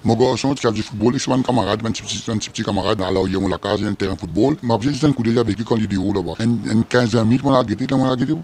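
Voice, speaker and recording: A man quickly recounting the search for a boy to a reporter, repeating himself. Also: on the low side, a little mellow, a little hiss or hum. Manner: rapid, repetitive telling. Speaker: interviewee.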